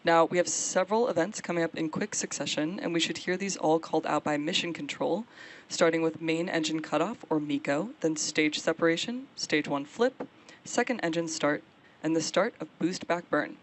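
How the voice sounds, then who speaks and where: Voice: medium pitch, moderate pace. A launch webcast host giving explanatory live commentary on a rocket launch.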